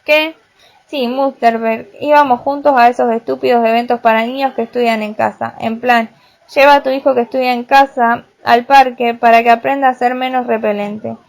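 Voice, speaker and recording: A blunt, wisecracking teenage boy friend in an audiobook, voiced by a woman reader, dry and sarcastic. The tone is fairly high and gravelly. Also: steady tone, moderate pace.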